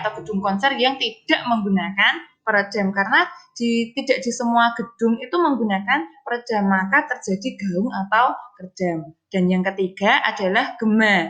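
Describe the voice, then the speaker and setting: Brief: woman teacher, mid-pitched, patient, repeats points, quizzes kids. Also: a bit bright. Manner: explains slowly, repeats key points, asks pupils questions. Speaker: elementary school teacher. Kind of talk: online science lesson for children.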